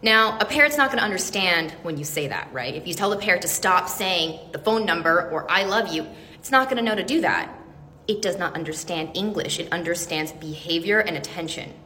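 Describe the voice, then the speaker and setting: A woman's voice: mid-range voice, sharp tone. A woman giving an earnest, emphatic motivational talk in a casual way, now and then swearing for emphasis. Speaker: self-help speaker. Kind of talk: motivational monologue to camera. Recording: long reverb, faint background hiss.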